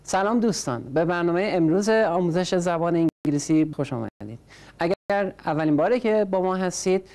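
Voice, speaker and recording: A woman with a low, mellow voice teaches a small class of learners. She speaks patiently and repeats each word several times. She calls on each learner to say it back. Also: lively intonation. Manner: patient, drills words by repetition and prompts learners. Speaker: English teacher. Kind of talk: classroom language lesson.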